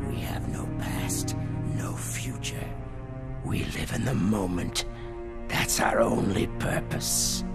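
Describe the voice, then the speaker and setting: A man playing a dying psychic villain in a video game, bitter and morbid, with a breathy, strained, halting theatrical delivery. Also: fairly low pitch, full character voice. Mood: morbid, confiding. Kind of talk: dramatic video game cutscene acting. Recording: music behind the voice.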